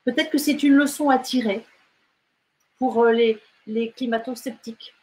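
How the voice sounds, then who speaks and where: A woman's voice: a little high, steady tone, moderate pace, rough recording. A woman novelist talking casually in an interview, hesitant, with many fillers and restarts. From France and Britain. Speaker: novelist guest.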